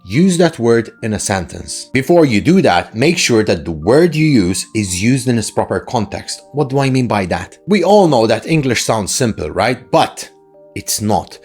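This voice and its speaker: A man gives an English lesson in a lively, widely varied voice at a middling pitch. He speaks conversationally as a lecturer would to learners, posing rhetorical questions and tagging points with quick checks. Music plays faintly behind him. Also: slightly rough. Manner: rhetorical questions with frequent "right?" tags. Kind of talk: instructional lesson to camera, conversational.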